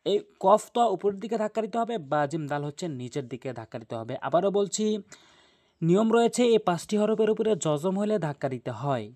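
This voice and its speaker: A man's voice: high-pitched, expressive, darkish tone. Patient man teaching Quran pronunciation. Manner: patient, repeats rules and spells out letters slowly. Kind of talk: instructional video lesson.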